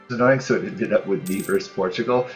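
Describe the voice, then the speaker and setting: The host of a gaming channel, a man with a lowish voice who talks fast, gives casual let's-play commentary on a strategy game while thinking aloud. The recording is a dull, roomy home setup, with game music in the background.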